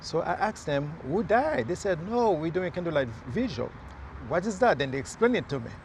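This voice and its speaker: A man from Haiti talks earnestly and haltingly in an outdoor interview, his fairly high voice rough with gravel. Faint city traffic hums behind him. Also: big pitch swings, a little mellow. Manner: earnest, hesitant, many fillers. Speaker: mayoral candidate. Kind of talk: casual interview.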